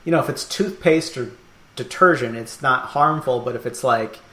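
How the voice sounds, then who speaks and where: A man hosts a casual podcast chat, thinking out loud with plenty of fillers and the odd laugh. His voice sits at an ordinary pitch. It carries a roomy echo from the space around him. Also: moderate pace. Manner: rambling, thoughtful, laughs often. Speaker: podcast host.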